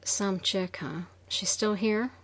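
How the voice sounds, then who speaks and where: A woman's voice: medium pitch, slow, fairly bright tone, a little hiss or hum, voice pushed up. Whispered role-play: a woman whispering as a crude, joking young guy. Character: laid-back young male buddy, joking.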